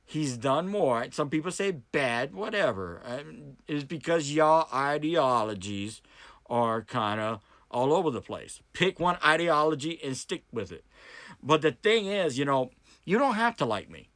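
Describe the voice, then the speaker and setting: A man's voice: a little high, very animated, unhurried, a bit bright, no echo. An American man giving an opinionated, unscripted monologue to viewers, blunt and emphatic, repeating points and asking rhetorical questions. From United States. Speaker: political commentary vlogger who hosts debates.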